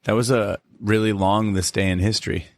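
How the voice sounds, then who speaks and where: A young man with a lowish voice banters on a podcast, reacting excitably and joking around with plenty of swearing. He talks loosely, throwing in "dude" and "bro.". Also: fairly quick, dry recording, studio quality. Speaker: podcast co-host. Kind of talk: casual chat.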